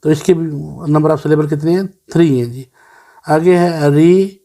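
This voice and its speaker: Slow, patient Pakistani male teacher. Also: on the high side, fairly even intonation, vocal fry, warm tone. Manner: slow, patient, reads English definitions word by word. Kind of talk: classroom lesson explaining to children.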